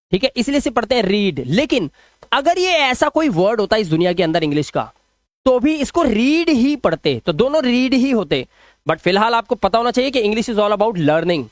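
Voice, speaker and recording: A man teaching English pronunciation rules in a classroom-style explanation, asking questions and answering them himself, and drawing out sample words slowly. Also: high voice, no room sound.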